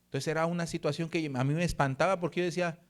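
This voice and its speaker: Earnest pastor preaching. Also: male voice, on the high side, fairly even intonation. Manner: earnest, slows and softens for scripture verses. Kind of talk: sermon with personal testimony.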